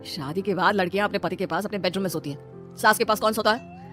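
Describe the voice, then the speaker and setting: A woman's voice: medium pitch, fast talker, fairly bright tone, faint music behind, natural voice. A woman voicing a patient young husband in a comic skit, coaxing and mildly exasperated. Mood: pleading.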